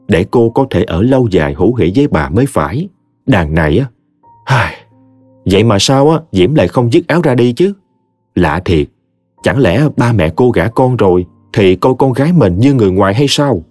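A man narrating a short story in steady storytelling style. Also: on the low side, moderate pace, no echo, soft background music. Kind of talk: audiobook narration.

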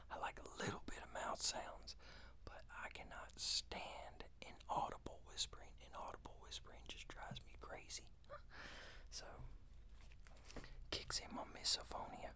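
An American man in his thirties whispers an informal ASMR product review close to a desktop microphone. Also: fairly bright tone. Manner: slow, unhurried, informal whispering. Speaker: fragrance reviewer and ASMR host. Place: small indoor room with shelves of bottles. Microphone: close desktop condenser microphone.

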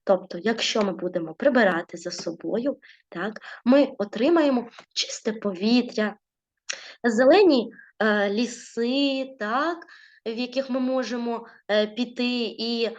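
A woman teaching a primary school class, speaking gently with many diminutives and frequently checking in with "right?". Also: a little high, measured pace, lo-fi sound. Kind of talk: classroom lesson narration.

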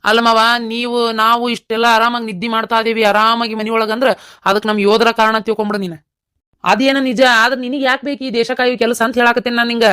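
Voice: medium pitch, little pitch movement, fast, sharp tone, clean tone, no room sound, studio quality, lightly acted. A performer voicing a village uncle with a North Karnataka accent, trying to talk his nephew out of joining the army in a cartoon. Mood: coaxing. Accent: North Karnataka Kannada. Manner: coaxing, reasoning. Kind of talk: cartoon voice acting.

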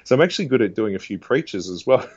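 A man's voice: mid-range voice, sing-song, quick pace, darkish tone, slightly rough, no room sound, dull audio. A man chatting as an interview guest, laughing often and stammering through restarts. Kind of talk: casual interview chat.

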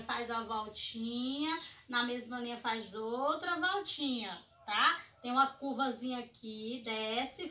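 A Brazilian woman teaching a class to small children, slow and sing-song, stretching out syllables. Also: high voice, bright, forceful tone. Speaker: preschool teacher. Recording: echoey room, mic at a distance.

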